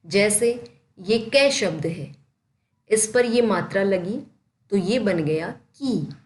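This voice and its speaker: A woman teacher speaks very slowly, stretching out each syllable as if for small children. She asks a question and then gives the answer herself. Her voice carries a noticeable echo from the room. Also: medium pitch, darkish tone. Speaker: primary school Hindi teacher. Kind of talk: slow spelling-out lesson for children. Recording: echoey room.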